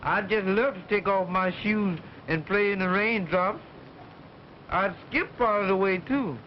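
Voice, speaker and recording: A nervous, reluctant servant, the comic relief of a 1930s film. His voice is very high for a man. The recording is muffled and faintly noisy. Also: unhurried. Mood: nervous, evasive. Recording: muffled old film soundtrack.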